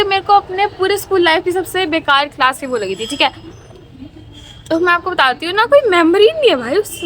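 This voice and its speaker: A woman's voice: high-pitched, a bit bright, slight background noise. A teenage girl telling a story in a casual vlog, talkative and dramatic, filling her speech with little check-ins to her viewers. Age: teens. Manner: chatty, dramatic, frequent "theek hai" fillers. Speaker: vlogger.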